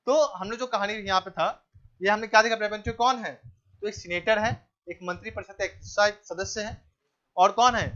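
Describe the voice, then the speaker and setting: A male teacher giving a classroom lecture, asking the class questions, answering them himself, repeating key names and telling the students to keep quiet. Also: high-pitched, steady tone, a little fast, lo-fi sound. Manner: tells the class to keep quiet and pay attention.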